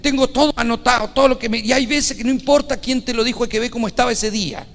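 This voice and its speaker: Male pastor, high voice, emphatic repetitive preaching, church hall reverb. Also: fast talker, gravelly, fairly bright tone. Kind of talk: sermon.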